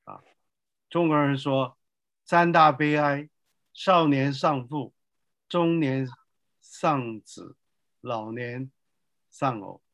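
An older male pastor preaching a sermon slowly and emphatically, asking the listeners rhetorical questions. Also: mid-range voice, fairly bright tone, no echo.

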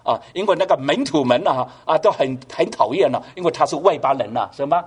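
Animated husky male preacher. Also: fairly high pitch, fast. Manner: animated preaching, rhetorical questions, voice rising with emphasis. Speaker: pastor. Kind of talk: sermon.

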